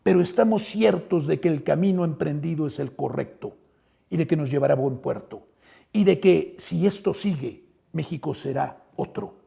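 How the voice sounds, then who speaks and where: A Mexican man delivers combative political commentary with a heavily gravelly, husky voice. His tone is dark but a touch higher than most men's, and he jabs at his targets with open sarcasm, addressing them head-on. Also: moderate pace. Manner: sarcastic, addresses opponents directly.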